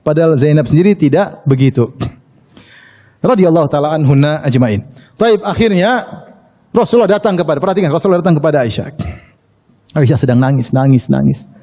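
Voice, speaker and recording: A man preaching a sermon, telling a story in a lively way and acting out the quoted speech. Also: fairly high pitch, a little fast, pauses often, in a large hall. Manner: animated storytelling, acts out quoted speech, chuckles at his own asides. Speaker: Islamic preacher.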